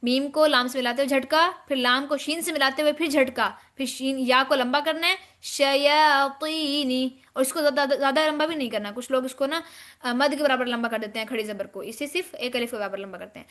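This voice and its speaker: A woman teaching Quranic recitation rules, explaining step by step and demonstrating words in slow drawn-out chanting. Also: high-pitched, steady tone, fairly bright tone. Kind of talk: tajweed lesson.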